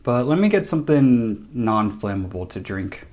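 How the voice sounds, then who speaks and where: A young man talking casually to camera in a low-key, conversational way, sharing tips as a vlogger. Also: sing-song, normal speed, a little mellow. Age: young adult. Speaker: vlogger giving recovery tips. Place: small room indoors, seated at a table.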